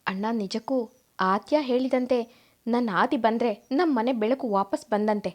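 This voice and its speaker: Woman reading a teary hopeful older auntie, high voice. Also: measured pace, a little mellow. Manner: choked-up, hopeful. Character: older aunt, tearful and hopeful.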